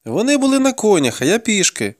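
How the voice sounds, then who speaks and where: A man's voice: high-pitched, huge pitch swings, a little fast, dry recording, clean studio sound, pitched above the performer's own voice. A man voicing a frightened young male deserter held captive, pleading and frantic.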